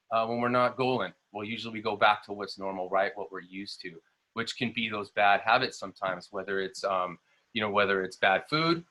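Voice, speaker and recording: A man's voice: fairly low pitch, pushed and bright. A young adult man, a health coach, giving an upbeat motivational training talk on a video call, full of fillers and restarts.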